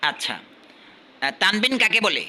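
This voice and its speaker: A man from Bangladesh teaching at a madrasa, quizzing his pupils and repeating questions while urging them to answer louder. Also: sits high, very animated, a little slow, crowd noise. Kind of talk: classroom quizzing.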